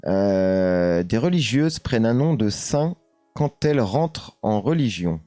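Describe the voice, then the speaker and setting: Low-voiced French streamer, hesitant. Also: male voice, sing-song, a little slow, dark tone, no echo, faint music behind. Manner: hesitant, many fillers, reads chat aloud and chuckles. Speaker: streamer hosting a paranormal live show. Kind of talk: casual live-stream chat.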